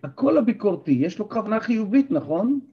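A man, an NLP coach and therapist, giving an animated workshop talk and asking the group questions. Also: sits high, highs cut off, a little hiss or hum.

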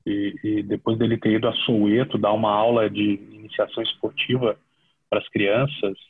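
A middle-aged Brazilian man, a TV sports reporter, chatting relaxed and full of fillers as a podcast guest. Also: fairly low pitch, moderate pace, background noise. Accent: Brazilian Portuguese. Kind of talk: casual podcast storytelling. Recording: tinny phone-like line.

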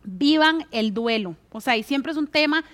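Animated woman, high voice. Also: moderate pace. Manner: animated, acts out quoted voices. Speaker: guest. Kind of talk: casual conversation.

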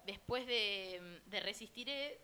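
A woman with a Rioplatense Spanish accent hosting a casual chat, relaxed and playful as she leads the segment. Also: medium pitch, takes it slowly, clean tone. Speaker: host.

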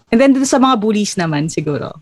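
Lively Taglish-speaking woman host. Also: mid-range voice, fast, dry recording. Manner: Taglish code-switching, laughs often, lively storyteller. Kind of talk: casual chat.

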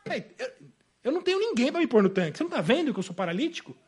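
A man preaching in the voice of a crippled man who has given up hope, griping fast about selfish people in a Brazilian accent. The voice sits very high for a man and bursts out in quick, indignant retorts. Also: big pitch swings, a little mellow, husky, exaggerated voice. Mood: indignant complaining. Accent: Brazilian Portuguese. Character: bitter paralyzed man complaining, hopeless adult male.

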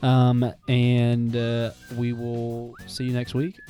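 A young man co-hosting a casual faith podcast, easygoing and quick to laugh, reading Bible verses aloud. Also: mid-range voice, completely flat delivery, warm tone, faint music behind. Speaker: podcast co-host.

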